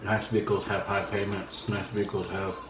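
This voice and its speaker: A man's voice: low voice, completely flat delivery, brisk. A man chatting casually in a plain-spoken, folksy way, chiming in as a partner answering questions. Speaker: host's husband, co-answering questions. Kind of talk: casual chat. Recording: roomy echo, clear background noise.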